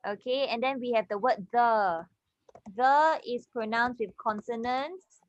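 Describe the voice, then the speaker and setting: A woman's voice: a little high, unhurried, no echo. Singaporean woman tutor, lo-fi audio. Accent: Singaporean English. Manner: explains step by step, checks in with students. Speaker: English tutor. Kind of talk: online class lesson.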